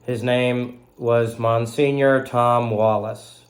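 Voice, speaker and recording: A Southern California man in his thirties hosts a faith broadcast while getting over an illness, offering a casual spoken tribute. His mid-range voice holds a fairly even intonation as he speaks slowly and haltingly, with frequent fillers, throat clearing, and a slight cough.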